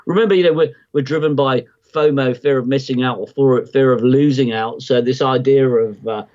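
A man talks as a podcast guest, explaining ideas at length and circling back with plenty of ums and false starts. His voice sits at an ordinary middle pitch. The audio is a little dull and lo-fi, like a remote call. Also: fairly even intonation, moderate pace, a little mellow. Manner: rambling, many ums and restarts. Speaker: podcast guest, market timing analyst. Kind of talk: conversational explanation.

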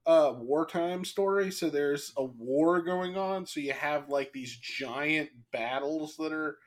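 A slightly hoarse man hosting a casual podcast chat, rambling and halting with lots of fillers and restarts. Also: fairly high pitch. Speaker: podcast host.

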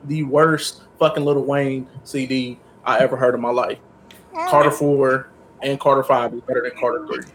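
A man's voice: medium pitch, fairly even intonation, moderate pace, crowd noise. A man co-hosting a casual podcast chat, telling stories bluntly and with lots of profanity. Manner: blunt, profane, emphatic storyteller. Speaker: podcast co-host.

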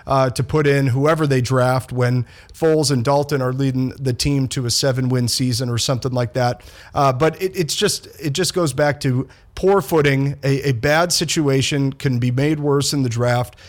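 A male sports co-host giving conversational commentary, repeating words as he reasons things through. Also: mid-range voice. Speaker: sports show co-host and analyst.

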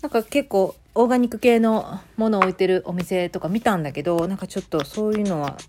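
A woman's voice: medium pitch, quick pace, background noise. A woman with a Kansai accent hosting her own audio show, chatting casually in a rambling way with many fillers and asides. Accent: Kansai Japanese. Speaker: podcast host. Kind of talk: casual solo chat.

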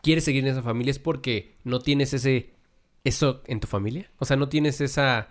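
A man's voice: mid-range voice, normal speed. A man with a Mexican accent, co-hosting a podcast, who rambles, jokes and cuts in with his own thoughts. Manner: rambling, joking, interrupts. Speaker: podcast co-host. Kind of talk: casual chat.

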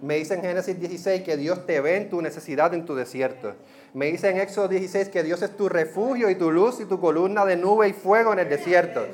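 A man preaching a sermon as pastor, in a lively, conversational way that drops in English words. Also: sits high, a little fast.

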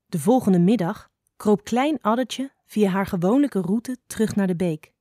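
A woman narrating a children's fable in a calm, even reading voice. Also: mid-range voice, unhurried, dry recording, studio quality. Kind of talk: scripted storybook narration.

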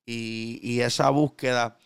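A man in his thirties with a Puerto Rican accent, a preacher telling his conversion story earnestly and sometimes dropping to a hush. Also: medium pitch, fairly even intonation, takes it slowly, creaky, smooth, no room sound, clean studio sound. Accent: Puerto Rican Spanish. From Puerto Rico. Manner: earnest storytelling, drops to a hushed tone for intimate moments. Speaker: preacher guest. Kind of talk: conversational testimony.

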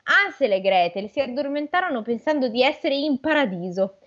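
Woman reading a fairy tale, slightly high. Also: expressive, moderate pace, fairly bright tone, highs cut off. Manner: playful, quizzing her co-host. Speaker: podcast host and storyteller. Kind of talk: reading a fairy tale aloud with joking asides.

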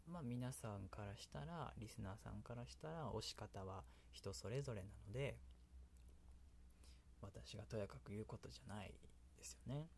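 A solo radio host and creator with a Kansai Japanese accent rambles casually, often laughing at himself. His voice is fairly low, gravelly and a little mellow, with a bit of hiss or hum in the background.

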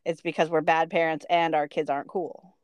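A woman's voice: low-pitched, level tone, fairly quick, dry recording. A woman in her thirties co-hosting a casual chat podcast, telling stories and laughing at herself often. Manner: laughs often, self-mocking storyteller. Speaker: podcast co-host.

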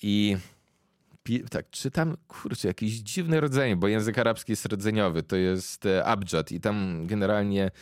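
Young man, podcast host, lowish voice, thoughtful, frequent pauses for words, dry close recording. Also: a little mellow, dry recording. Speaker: podcast host interviewing a guest. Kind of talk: casual conversational explanation.

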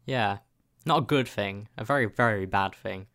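A man in casual chat, deadpan and mock-serious, asking rhetorical questions. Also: lowish voice, moderate pace.

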